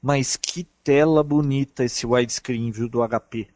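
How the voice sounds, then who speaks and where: A man with a Brazilian Portuguese accent chatting over a call, telling lively travel stories in an animated way. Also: medium pitch, measured pace, dry recording. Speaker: traveling podcast guest. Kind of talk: casual chat over a call.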